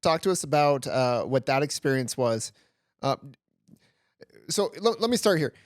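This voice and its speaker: A man in his thirties leads a casual podcast interview, firing blunt, probing questions. His voice sits in a middle pitch and is recorded close and dry. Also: lively intonation, normal speed, no room sound. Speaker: podcast host.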